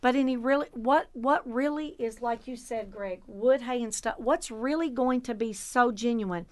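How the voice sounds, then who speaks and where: A woman pastor, talking about faith in an animated, exclamatory way. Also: a little high, normal speed. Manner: animated, exclamatory, laughs often. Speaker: pastor, guest. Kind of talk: faith talk, preaching testimony.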